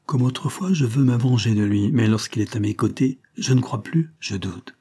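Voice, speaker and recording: A man voicing a troubled widow who speaks earnestly and hesitantly, without changing much from his own low voice. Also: moderate pace, mellow, husky. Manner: earnest, hesitant, emotional delivery.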